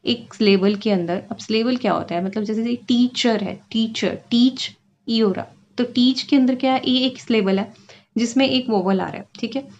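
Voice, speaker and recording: A woman teaches exam-prep lessons, explaining terms and going over past questions while often checking in with "ठीक है?" Her voice is fairly high and a little mellow, and she reads English questions in a drawn-out way. The sound is lo-fi.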